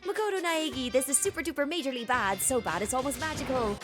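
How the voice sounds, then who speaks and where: A woman's voice: high-pitched, fast talker, over music, lightly acted. A woman voicing a gleeful, childish robot bear villain from a video game, teasing and exaggerated.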